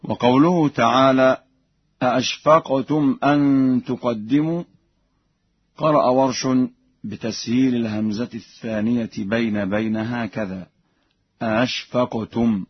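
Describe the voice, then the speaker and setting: Slow husky guy teaching quran readings on old radio, chants the verses long and drawn out, dull lo-fi sound. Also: mid-range voice, fairly even intonation, no room sound. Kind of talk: radio lesson with chanted examples. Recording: muffled lo-fi radio recording.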